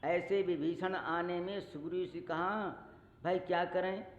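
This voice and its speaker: A male preacher giving a devotional sermon, telling homely stories and breaking into slow, drawn-out chanted verses. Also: sits high, fairly even intonation. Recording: echoey hall, dull lo-fi sound.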